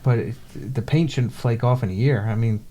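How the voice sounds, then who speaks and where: A man's voice: medium pitch, normal speed, a crowd in the background. A man co-hosting a casual podcast who complains bluntly and swears often. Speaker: podcast co-host. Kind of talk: casual chat.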